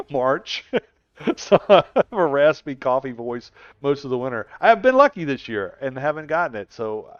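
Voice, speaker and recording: Over soft background music, a sixties-aged man talks casually on a gaming stream, answering viewers with plenty of laughter and rambling. His mid-range voice has a sing-song lilt at a normal speed. There's no echo, though the lo-fi stream audio sounds dull.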